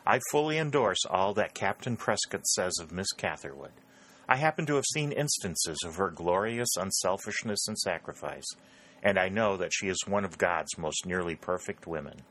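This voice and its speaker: A man's voice: deep voice, lively intonation, normal speed, a bit bright, exaggerated voice. A man reading aloud, voicing a grave and candid male newspaper editor in a storybook reading.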